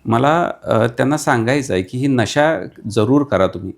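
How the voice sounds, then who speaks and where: Gravelly-voiced man reciting poetry. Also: medium pitch, lively intonation, normal speed. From Maharashtra. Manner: declamatory, rhythmic recitation with repeated lines. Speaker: poet, guest.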